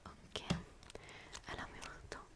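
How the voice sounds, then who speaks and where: Whispering woman in a soothing role-play. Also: slow. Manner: hushed library-like whisper, repeating phrases soothingly. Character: quirky, gentle female book physiotherapist attending a patient. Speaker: ASMR performer playing a book therapist.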